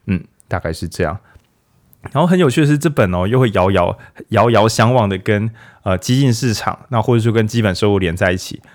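Male host, low-pitched, casual and jokey, for a book podcast. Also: fairly quick. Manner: chatty, animated, jokey rhetorical questions. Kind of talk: casual book review talk.

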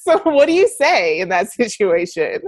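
A woman hosting a casual podcast interview, relaxed and quick to laugh, with casual fillers. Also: medium pitch, no room sound. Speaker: podcast host.

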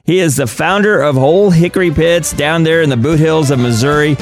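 A middle-aged man co-hosting a radio talk show, chatting casually and joking with quick asides. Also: on the high side, soft background music. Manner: jokey, laughing, quick asides.

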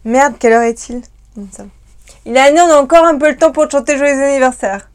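A French woman, tipsy on wine, co-hosts a livestream in a high-pitched voice. The chat is casual, and she speaks fast, laughs, and keeps up a stream of talk.

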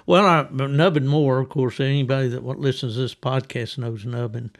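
A man hosting a conversational interview, explaining things for listeners in an unhurried, scene-setting way. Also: medium pitch, steady tone. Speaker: podcast host.

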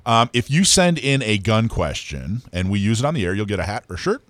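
Animated male talk radio host. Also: fairly low pitch, fairly quick, no echo. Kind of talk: talk radio commentary and banter.

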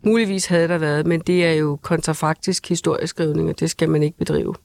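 A woman's voice: deep voice, fairly even intonation, creaky, a little mellow, slight background noise. A woman, a panel guest, giving her views emphatically. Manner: emphatic, opinionated. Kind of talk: casual talk-show chat.

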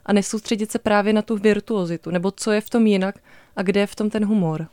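A woman interviewer with a smooth, clear voice asks her guests questions. Her manner is curious and prompting. The sound is dry and close. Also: mid-range voice, steady tone, darkish tone, no echo. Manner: inquisitive, prompting.

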